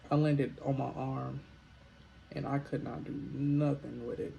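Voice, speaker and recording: A man's voice: medium pitch, little pitch movement, a little slow, gravelly, warm tone, lo-fi sound, slight background noise. A young man casually telling a storytime vlog in a laid-back, slangy way with joking asides. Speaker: vlogger.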